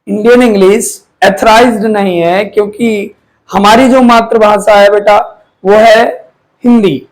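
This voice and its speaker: A man's voice: high-pitched, fairly even intonation, measured pace, low-quality recording. A man teaching, who asks questions and answers them himself, often repeating key words. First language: Hindi. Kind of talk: classroom lecture.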